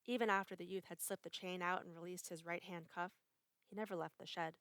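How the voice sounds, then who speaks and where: A woman narrating a short story as a dramatic reading, measured and expressive. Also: lowish voice, no echo.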